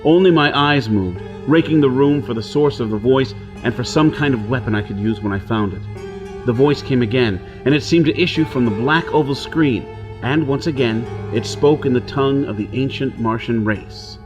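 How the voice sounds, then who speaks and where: Playing a rugged, wary outlaw from Earth stranded on Mars, the actor narrates tensely and theatrically in first person, talking himself through events. Here his near-everyday voice sits at medium pitch with a moderate pace, and the muffled recording has music in the background.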